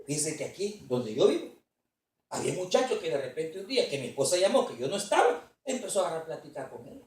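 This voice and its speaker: Animated preacher in an echoey hall. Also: male voice, a little high, fast, distant mic. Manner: animated storytelling preacher, often calling out to the congregation. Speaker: pastor. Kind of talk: sermon. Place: church conference hall.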